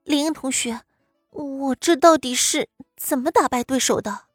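A man voicing an earnest, upright teenage girl karate star in a hesitant falsetto. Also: a little slow, a bit bright, dry recording, clean studio sound, soft background music. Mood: puzzled. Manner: high falsetto, hesitant and unsure.

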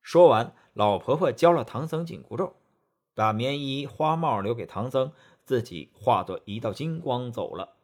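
A man narrating a storybook tale in an expressive, animated way. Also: medium pitch, moderate pace.

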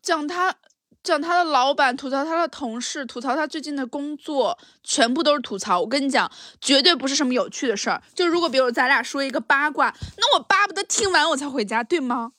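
A woman chatting on a podcast, telling an animated story, laughing often and acting out what people said. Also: sits high, fairly quick, dry recording, studio quality. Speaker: podcast co-host. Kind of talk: casual chat, storytelling.

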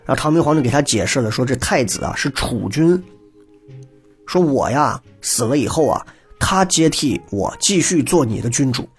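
A man telling a historical story in a lively, chatty lecture style, acting out the characters' lines and turning to the audience with asides. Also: mid-range voice, normal speed, husky, faint music behind.

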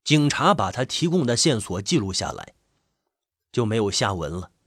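Husky man narrating a suspense story. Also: on the low side, very animated, normal speed, dry recording, clean studio sound.

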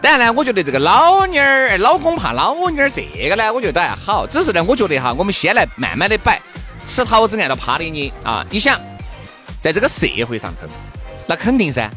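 An animated host speaking with a Sichuanese accent, spinning comic stories and acting out complaints in a casual chat. The voice is bright and forceful and moves widely in pitch, with faint music behind it. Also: fast talker. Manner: animated storytelling, mock complaining.

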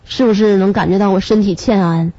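A woman's voice: mid-range voice, steady tone, brisk, mellow. A woman radio host with a Northeastern Chinese accent and a stuffy nose from a cold, chatting in a teasing, comic monologue and laughing often. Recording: muffled radio broadcast recording.

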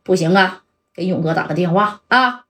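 A woman, telling a gangster tale in lively, colloquial style, often asking listeners questions. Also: lowish voice, normal speed, slightly rough. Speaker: storyteller.

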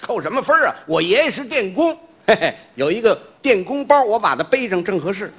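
A man with a Beijing accent leads a crosstalk comedy act with playful, boastful banter. His voice sits fairly high and leaps around a great deal. It comes through a dull, lo-fi stage recording. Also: big pitch swings, brisk, slightly rough. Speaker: crosstalk comedian, lead teller. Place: theater stage.

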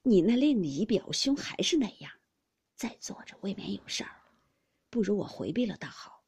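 Storybook role: proud young male swordsman, blunt and cool, lively delivery, voiced by a female reader. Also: mid-range voice, normal speed, husky, full character voice.

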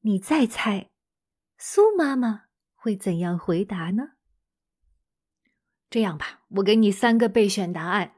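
A female teacher telling a story to children in a lively, chatty way, speaking straight to her young listeners. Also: mid-range voice, measured pace, long pauses.

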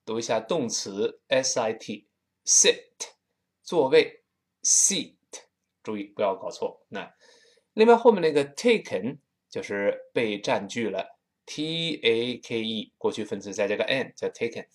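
An English teacher from Tianjin, China, speaks with a Tianjin accent and an animated pitch in a spoken English lesson. He's lively but slows right down to drill pronunciation word by word.

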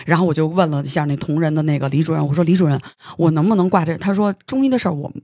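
A podcast host, telling a story in casual studio chat, animated and stumbling over words when excited. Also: mid-range voice, racing, no echo.

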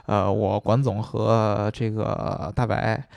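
A man's voice: lowish voice, fairly even intonation, slow, gravelly, darkish tone, dry recording, studio quality. A man co-hosting in casual chat, smacking his lips for emphasis and often repeating words. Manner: frequent lip-smacking for emphasis. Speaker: podcast co-host.

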